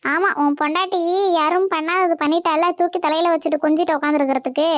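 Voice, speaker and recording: Woman acting as nagging mother-in-law, scolding, very high-pitched, dry close sound. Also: fairly even intonation, quick pace, dry recording, natural voice. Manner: nagging, berating, scornful. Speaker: skit actor. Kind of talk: comedy family skit.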